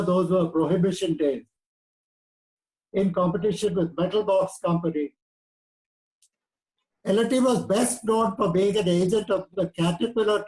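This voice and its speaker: Older Indian English speaker, 80s, fairly high voice, steady lecturing delivery. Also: male voice, poor audio. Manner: measured, lecturing. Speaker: guest speaker. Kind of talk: prepared talk.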